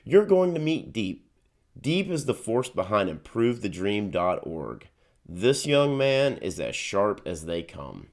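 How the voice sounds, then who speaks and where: A man's voice: lowish voice, very animated, slow, a little mellow. A man hosting a video, giving an earnest scripted introduction. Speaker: host.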